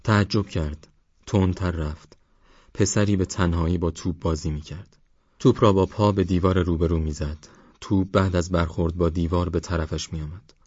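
A man narrating an audiobook in a steady, measured storytelling manner. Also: low voice, breathy edge, no echo, highs cut off.

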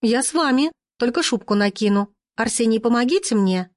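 A squealing, capricious rich lady barks orders in a high, piercing register, as a woman narrator puts her on. Her affected, imperious tone leaps upward at every complaint. The reading sits close and dry, with no room around it. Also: lively intonation, brisk, dry recording, close to an everyday voice. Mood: demanding. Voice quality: shrill, squealing. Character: shrill capricious rich middle-aged woman client. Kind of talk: audiobook reading.

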